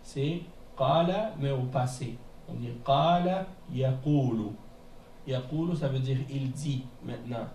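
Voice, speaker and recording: A man teaching a beginners' class in a mosque classroom, explaining patiently and repeating words slowly, often checking with "hein?". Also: medium pitch, warm tone. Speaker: Arabic teacher. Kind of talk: classroom lesson. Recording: echoey room from a distance, faint noise.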